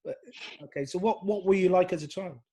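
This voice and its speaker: A man's voice: high voice, brisk, a crowd in the background. A man hosting a podcast, asking questions in an easygoing, friendly way with short encouraging replies. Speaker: podcast host. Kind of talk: casual interview.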